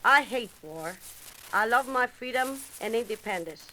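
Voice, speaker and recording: A woman speaks in a bright, slightly high voice. She stumbles over words, then states her views firmly. Faint noise hums behind her. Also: expressive, measured pace, rough recording. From Greece. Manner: hesitant then emphatic. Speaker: housewife. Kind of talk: street interview statement.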